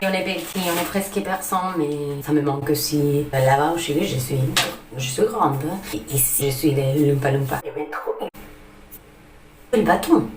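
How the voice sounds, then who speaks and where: Low-voiced Chilean woman doing stand-up. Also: recorded from a distance. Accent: Chilean Spanish. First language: Spanish. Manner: chatty, self-mocking, halting with restarts. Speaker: comedian. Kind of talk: stand-up comedy monologue. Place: small bathroom at home. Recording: echoey bathroom, off-mic, faint hiss.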